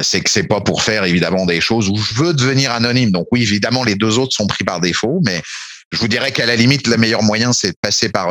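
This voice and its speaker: A man's voice: fairly low pitch, a bit bright, dry recording. A man giving a casual spoken explanation as a tech speaker, hesitating often with fillers and restarts and dropping informal asides.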